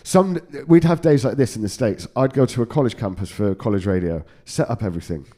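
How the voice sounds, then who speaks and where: A man's voice: fairly low pitch, expressive, brisk, warm tone. A man in his forties, a guitar tech telling road stories in casual chat, swearing freely and laughing often. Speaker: podcast guest, guitar tech.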